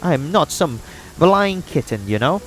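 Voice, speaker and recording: A man's voice: fairly high pitch, big pitch swings, a little slow, faint music behind, pitched above the performer's own voice. Brief: defiant frontier wife, voiced by a man in a raised voice, insistent and proud, for a fantasy game.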